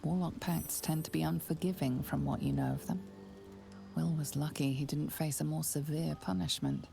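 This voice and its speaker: The calm narrator of a video game. Her voice is very low, heavily gravelly and dark. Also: normal speed, faint music behind.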